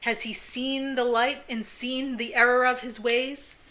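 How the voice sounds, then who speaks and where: A woman co-hosts a podcast in casual conversation. Her voice sits on the higher side and has a bright, crisp edge. She eagerly builds on her partner's points with string after string of questions. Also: flat delivery, unhurried. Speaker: podcast co-host. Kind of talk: casual chat.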